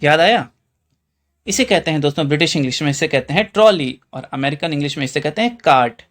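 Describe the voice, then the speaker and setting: A man with an Indian Hindi accent teaches in a chatty lesson style, his voice sitting high for a man. He keeps putting questions to the listener and calls them friends as he explains each word. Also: expressive, quick pace, fairly bright tone. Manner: quizzes the viewer with rhetorical questions. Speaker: English teacher.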